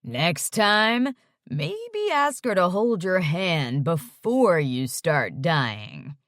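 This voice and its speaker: A woman voicing a playful young man who teases his friend in a sing-song, drawn-out way. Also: fairly low pitch, big pitch swings, no echo, clean studio sound, heavily acted. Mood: teasing.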